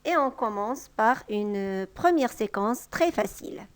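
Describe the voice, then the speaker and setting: Slow, high-voiced teacher. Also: female voice, expressive, smooth, dry recording. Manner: patient, repeats example sentences slowly and louder. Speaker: French teacher. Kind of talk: slow, clear language lesson.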